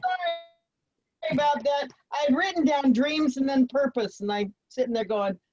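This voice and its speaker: A woman's voice: high voice, unhurried, darkish tone. A woman practicing a speech introduction as a workshop participant on a video call. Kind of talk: rehearsed introduction and casual asides. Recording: dull video call audio.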